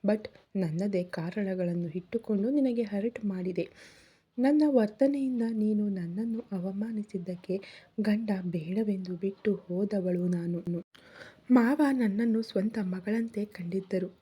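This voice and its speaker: A woman voicing a remorseful young wife in whispered role-play, soft and confessional. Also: medium pitch, a little slow, breathy edge. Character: remorseful young wife, tearful, self-blaming.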